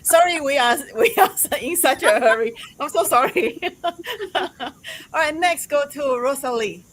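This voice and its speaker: A woman hosting a casual live-stream chat, laughing often and pausing on fillers. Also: high voice, lively intonation, a bit bright, poor audio. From Taiwan. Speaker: host.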